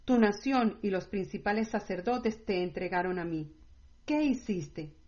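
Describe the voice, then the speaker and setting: A woman reading the lines of a wary, questioning male Roman governor in her own measured voice, on dull lo-fi audio. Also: mid-range voice, expressive, a little mellow, close to an everyday voice. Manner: read plainly in the narrator's own measured voice.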